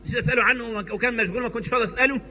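A preacher voicing a troubled companion, Egyptian accent. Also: male voice, very high-pitched, racing. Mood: regretful. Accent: Egyptian Arabic. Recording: reverberant hall, muffled lo-fi sound.

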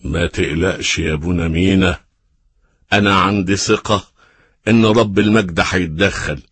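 A man with an Egyptian accent acting a serene, devout, fatherly old monk who speaks with gentle reassurance in a religious drama. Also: low-pitched, steady tone, normal speed, husky, no echo. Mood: calm, confident.

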